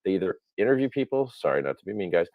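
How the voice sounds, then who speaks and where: Brash deep-voiced man ranting on a call. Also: big pitch swings, rapid-fire, no room sound, narrow, tinny audio. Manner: brash, ranting, mocks others in put-on voices. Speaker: crypto project founder on a livestream. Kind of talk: casual profane group chat.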